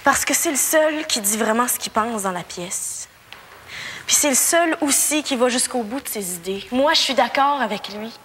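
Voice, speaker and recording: High-voiced, intense Quebec schoolgirl. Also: animated, normal speed, a bit bright. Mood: defiant. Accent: Quebec French. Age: young adult. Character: defiant, troubled convent schoolgirl. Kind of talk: television period drama acting. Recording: reverberant room, faint noise.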